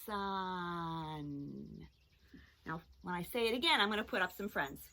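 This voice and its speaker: A woman teacher giving a children's phonics lesson, speaking in slow, clear, sing-song instructions. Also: medium pitch, lively intonation, pushed and bright.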